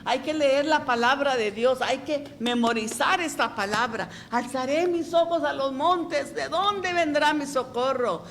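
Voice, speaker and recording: A woman's voice: high-pitched, measured pace, few pauses, a bit bright, slight background noise. A middle-aged woman pastor, preaching a folksy, chatty sermon and often asking "¿verdad?".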